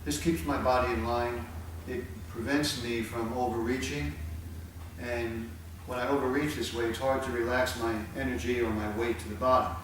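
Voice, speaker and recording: Demonstrating tai chi, a man talks through the movements slowly, breaking sentences into short chunks with patient pauses. His voice is medium in pitch. The recording is distant and heavily echoey, with constant hiss beneath him.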